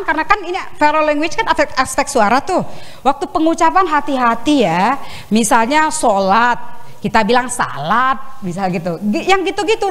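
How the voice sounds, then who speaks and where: A middle-aged woman, a lecturer giving a lively public speaking talk with chatty asides and plenty of rises and falls in pitch and pace. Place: campus hall. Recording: reverberant hall.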